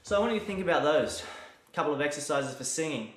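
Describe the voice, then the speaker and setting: Man, laid-back teacher, slightly high voice, echoey home room. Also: fast. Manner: relaxed, chatty, demonstrates by singing and vocalising. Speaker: piano and music teacher. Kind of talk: casual video lesson. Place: room at home during lockdown. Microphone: mic near the camera.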